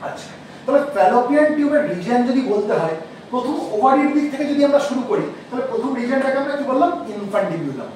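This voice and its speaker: High-voiced man lecturing in an echoey room. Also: animated, a little mellow, a little hiss or hum. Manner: asks the class questions and repeats key terms slowly. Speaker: teacher. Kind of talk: classroom lecture. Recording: echoey room, mic far off.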